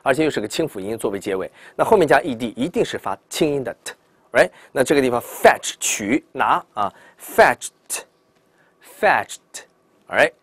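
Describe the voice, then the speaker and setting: A man teaching English pronunciation in a classroom lesson, explaining rules and modeling example words slowly, often checking with "right?". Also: mid-range voice, lively intonation, breathy edge, no echo. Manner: asks rhetorical checks like "right?" and "对不对".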